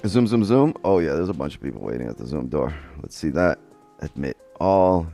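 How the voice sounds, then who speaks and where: A bass voice, gravelly and dark, swings widely in pitch as this man talks fairly quickly about his trades on a live stream. The day trading streamer keeps it loose, chatty and profane with chat, using a headset mic while faint music plays.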